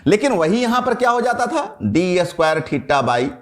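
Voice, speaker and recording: Male physics teacher, middle-aged, quizzing the class, animated rising and falling delivery. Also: sits high, moderate pace. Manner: lively, questions the class and answers himself. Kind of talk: classroom lecture.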